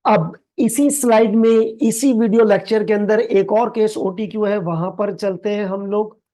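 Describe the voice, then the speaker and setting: A man tutoring for an accounting exam in a recorded video lecture. He speaks with a Pakistani Urdu accent, mixes in English terms, keeps calling his students "beta", and reads English passages slowly and deliberately. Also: high voice, fairly even intonation, mellow.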